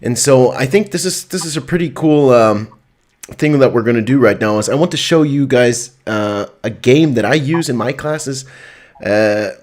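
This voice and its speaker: A man's voice: mid-range voice, moderate pace, a little mellow. A man co-hosting a live online show, talking in a loose, chatty way with plenty of fillers. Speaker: co-host. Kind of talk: casual live-stream chat.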